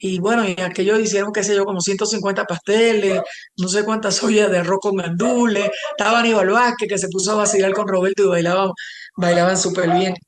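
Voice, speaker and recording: An older woman with a Puerto Rican accent, a former publicist, telling animated stories in an interview and slipping in English phrases. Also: medium pitch, fairly quick. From Puerto Rico. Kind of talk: storytelling interview.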